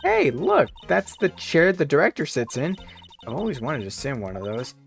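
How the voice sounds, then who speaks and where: Man putting on a bubbly, excitable young woman. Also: a little high, normal speed, vocal fry, faint music behind, voice pushed up, heavily acted. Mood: excited. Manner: bubbly, gushing, easily thrilled.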